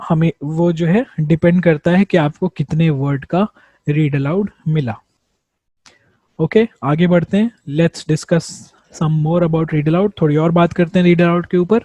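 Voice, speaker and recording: A man's voice: on the high side, a little slow, mellow, no echo, dull audio. A man teaching exam prep, explaining step by step, repeating points and answering his own questions. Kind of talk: explanatory lesson.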